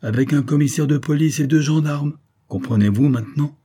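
A man's voice: a little high, a little fast, mellow, husky, voice pushed up. A man voicing a shrewd, good-natured old country farmer who talks in a knowing, folksy, insistent way.

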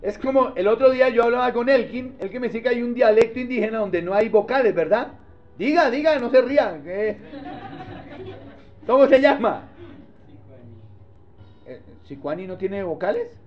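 A man's voice: very high-pitched, animated, moderate pace, pauses often. A male pastor, teaching a sermon in a conversational way and often checking that the congregation follows. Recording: dull lo-fi sermon recording.

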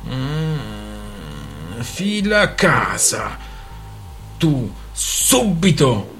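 A man voicing a gruff, blunt uncle who clears his throat and talks petulantly. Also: medium pitch, big pitch swings, extremely slow, a bit bright, soft background music, heavily acted. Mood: gloomy.

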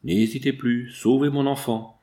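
A man's voice: mid-range voice, steady tone, normal speed, mellow, pitched above the performer's own voice, close to an everyday voice. Man reading as a pleading rich father. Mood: desperate. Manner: pleading, then harsh and insistent. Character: anguished wealthy father, older industrialist, pleading.

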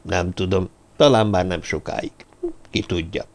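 A man voicing a brooding, secretive drifter who speaks quietly and sparingly in an audiobook. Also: sits low. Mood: subdued.

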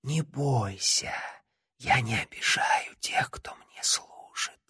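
A man voicing a living female shadow spirit in an audiobook, whispering slowly and coaxingly. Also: medium pitch, pushed and bright, no room sound, studio quality, heavily acted. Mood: soothing. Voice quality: whispered, breathy. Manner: slow, coaxing and intimate.

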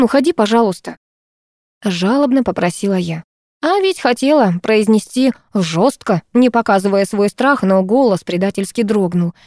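A woman narrating a first-person novel aloud on a close mic, in a steady, absorbed storytelling manner. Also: mid-range voice, dry recording. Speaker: audiobook narrator.

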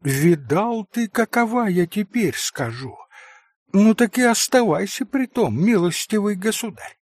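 A man's voice: sits high, animated, measured pace, dry recording, clean studio sound, pitched above the performer's own voice. Grushenka, a man voicing a fiery hysterical young woman. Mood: defiant, furious. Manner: fiery, wailing outbursts. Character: passionate young woman, proud, hysterical, volatile. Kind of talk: audiobook character voice.

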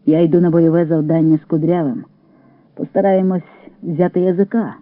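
A calm scout commander, plain-spoken and good-humoured, giving practical orders, as a male reader voices him. The voice is slightly high and close to the mic, with no room around it. It has the thin sound of an old radio broadcast. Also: fairly quick, no room sound, natural voice. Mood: wry. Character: calm Ukrainian partisan scout commander man. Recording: tinny lo-fi radio recording.

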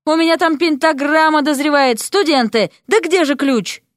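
A woman voicing an irritable male dean who grumbles and shouts through a door in a storybook reading. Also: sits high, moderate pace, no room sound, studio quality, voice pushed up, close to an everyday voice. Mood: irritated.

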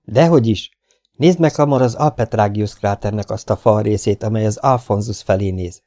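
A man voicing a calm, commanding male spaceship captain in an audiobook, his voice raised and eager. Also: fairly low pitch, no room sound, close to an everyday voice.

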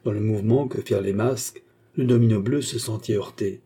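A man reads a classic novel aloud at a steady, measured pace. His voice is low and mellow, with a husky texture. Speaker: narrator. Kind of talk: audiobook narration.

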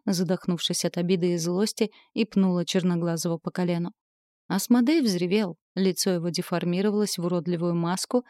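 A woman narrating a first-person fantasy novel in an expressive audiobook reading. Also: on the low side, no echo, clean studio sound.

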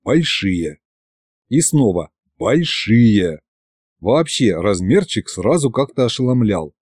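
Lively male audiobook narrator. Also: on the low side, slow pace, breathy edge, dry recording, studio quality. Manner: lively, chatty storytelling.

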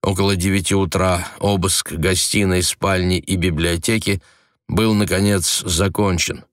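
A man reading a novel aloud as audiobook narrator, measured and even. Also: deep voice, dry recording, clean studio sound.

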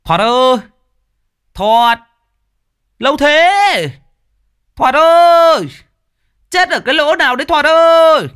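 A man's voice: on the high side, very animated, measured pace, long pauses, dry recording, clean studio sound, pitched above the performer's own voice. A man voicing a drunk, pushy young gambler who hollers with a slurred voice. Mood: drunken calling.

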